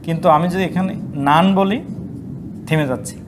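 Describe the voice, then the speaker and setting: Bengali lecturer explaining pronunciation rules. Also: male voice, a little high, fairly even intonation, brisk, noisy background. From Bangladesh. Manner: explanatory, asks and answers his own questions. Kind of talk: online class lecture.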